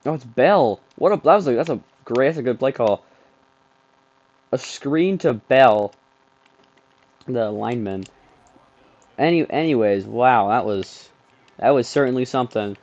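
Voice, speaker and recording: A young man streaming a football video game alone from his bedroom, chatting in a loose, rambling way full of ums and sudden bursts of play-by-play excitement. He sounds a bit sleepy, his voice sits mid-range, and the recording is slightly dull and lo-fi. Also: medium pitch, a little slow, long pauses. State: sleepy, yawning. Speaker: gaming streamer. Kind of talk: casual gameplay commentary.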